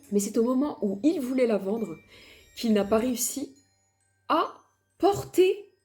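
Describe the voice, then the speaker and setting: Sitting high in pitch yet mellow, this woman's voice carries chatty, offhand tales of the paranormal, full of self-deprecating laughter and dramatic flourishes.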